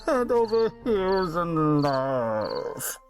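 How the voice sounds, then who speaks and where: A man's voice: on the high side, big pitch swings, very slow, faint music behind, pitched above the performer's own voice, heavily acted. A man voicing a giddy, lovestruck young male pony, talking in a raised, loose voice. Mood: drunk giddy. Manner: raised, slurred, giggly.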